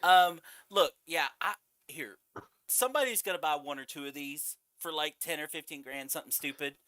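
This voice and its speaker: A man's voice: on the high side, normal speed, pushed and bright, no echo, studio quality. A man co-hosting a podcast, giving emphatic, jokey commentary in casual chat. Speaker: podcast co-host.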